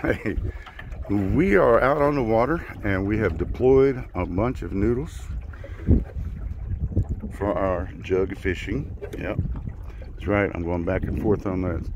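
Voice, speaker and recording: A man in his forties hosts a casual fishing vlog from a small boat on a river, speaking into a handheld phone camera. His voice is fairly low with lively intonation, and he talks slowly with long pauses, chatty, upbeat, and full of fillers. Outdoor noise from the water and boat runs through the recording.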